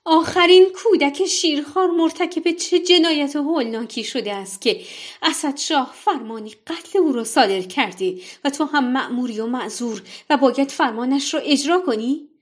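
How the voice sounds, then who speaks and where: A woman's voice: very high-pitched, animated, a little mellow, pitched above the performer's own voice. A woman voicing a desperate young mother who pleads tearfully for her baby's life in a told folktale. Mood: pleading.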